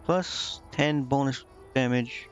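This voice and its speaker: A man mutters his way through a strategy RPG on a livestream, casually reasoning aloud as he solves problems. His pitch is medium and his pace slow, with game music in the background.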